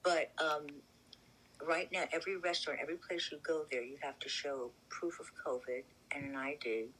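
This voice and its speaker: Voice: mid-range voice, level tone, moderate pace, pushed and bright, a little hiss or hum. An older person in their seventies from the New York area with a faint New York accent, chatting casually on a phone call in a rambling, amused way. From New York City area. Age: 70s. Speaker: caller.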